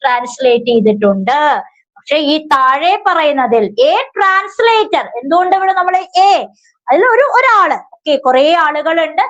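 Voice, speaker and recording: A woman's voice: high voice, expressive, fairly bright tone, highs cut off. A woman with a Malayali accent teaching an exam revision lesson, asking questions and answering them herself. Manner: stretches words slowly when reading English.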